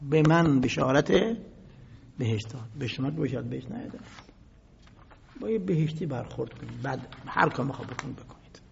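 A man preaching a sermon who explains slow chanted quotes in quick everyday speech, swinging dramatically between loud outbursts and hushed whispers. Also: mid-range voice, gravelly, slight background noise. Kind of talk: sermon retelling religious history. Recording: echoey hall, dull lo-fi sound.

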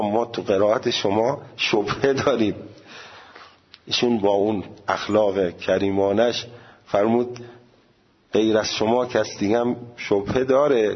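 Lo-fi recording of a teaching cleric. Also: male voice, mid-range voice. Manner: recites Arabic examples with drawn-out vowels. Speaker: religious teacher. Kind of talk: lecture on prayer recitation rules. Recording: dull lo-fi recording.

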